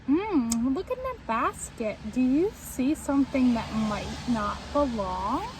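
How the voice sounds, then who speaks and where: Sitting outdoors on a front step beside a house door, a young woman with a high voice reads a children's book aloud, deliberately and expressively, explaining things and putting questions to her listeners. A camera a short distance away picks up faint street noise.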